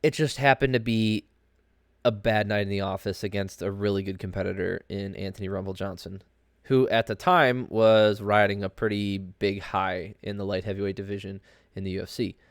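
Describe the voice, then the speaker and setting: Male sports podcaster, low and clean-toned, sick with a cold, informal rambling delivery, close dry sound. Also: steady tone, moderate pace, no echo. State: under the weather, congested with a cold. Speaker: podcast host. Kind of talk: casual solo sports commentary.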